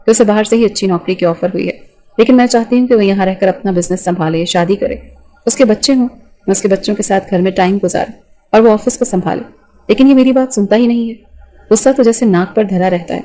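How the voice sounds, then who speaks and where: A woman's voice: medium pitch, close to an everyday voice. Woman playing a kind, chatty middle-aged mother. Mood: fond. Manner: gentle, chatty.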